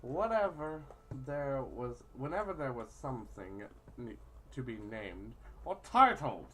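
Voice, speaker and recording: Her voice rumbles low yet has a fairly bright tone, very animated and a little slow, with slight hiss or hum. She hosts a visual novel playthrough, reading it aloud casually, giggling theatrically and making up crude jokes.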